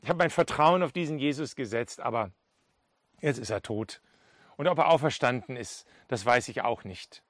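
Preacher voicing disillusioned disciple Peter. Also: male voice, medium pitch, moderate pace, no echo, studio quality, close to an everyday voice. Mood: weary, confessional. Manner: weary, confessional.

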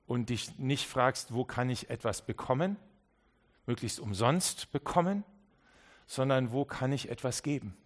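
A man preaching a Christmas sermon, speaking straight to the listener with many restarts and swings between quiet and emphatic passages. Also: medium pitch. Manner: earnest, direct address with many restarts.

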